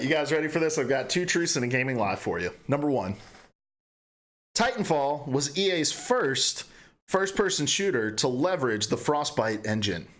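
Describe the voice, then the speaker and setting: A man hosts a gaming podcast in a loose, jokey game-show manner. His pitch rises and falls a great deal as he teases the panel and reads out trivia. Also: fairly bright tone. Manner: playful, joking game-show patter. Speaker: podcast host. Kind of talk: casual gaming podcast chat.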